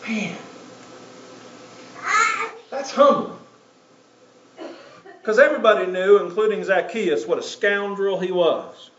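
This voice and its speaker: A male pastor tells a story in his sermon, asking his listeners to picture each scene and pausing often to check that they follow. His voice sits high for a man. The recording sounds dull and lo-fi. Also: fairly bright tone, a little hiss or hum. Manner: vivid, asks listeners to picture scenes, keeps checking in with "right?".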